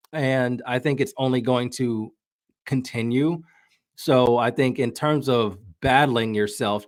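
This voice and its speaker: As a podcast guest, a man offers opinionated soccer analysis in casual conversation, thinking aloud along the way. His medium-pitched voice comes through with studio quality and no echo.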